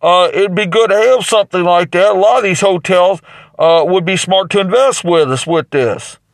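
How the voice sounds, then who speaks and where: A man's voice: high voice, moderate pace, no room sound. A man improvising a rambling mock infomercial as a salesman, with crude jokes and lots of fillers. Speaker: comic playing a mattress salesman.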